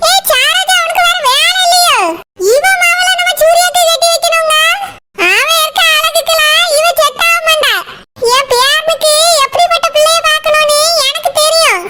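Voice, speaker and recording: Woman doing a shrill bossy village grandmother. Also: fairly even intonation, moderate pace, heavy background noise. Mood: scolding. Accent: Tirunelveli Tamil. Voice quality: shrill, scolding. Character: bossy old grandmother, scornful mother-in-law.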